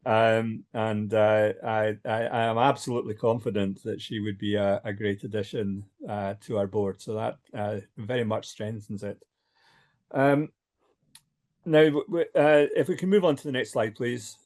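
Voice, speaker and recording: A man's voice: fairly low pitch, steady tone, moderate pace, a little mellow. An older man chairing an online meeting, hesitant with many fillers.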